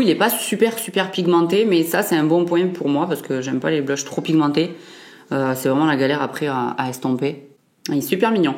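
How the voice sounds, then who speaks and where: A young woman vlogger chatting casually through a makeup review, with frequent fillers and self-corrections. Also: low voice. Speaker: beauty vlogger.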